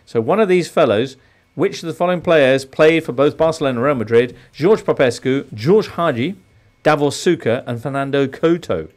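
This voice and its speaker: A man hosts a podcast quiz, reading questions with playful theatrical flair. His voice sits at an ordinary pitch but rises and falls a lot as he goes. He sounds like a quizmaster who enjoys the show. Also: lively intonation, normal speed. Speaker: quiz host.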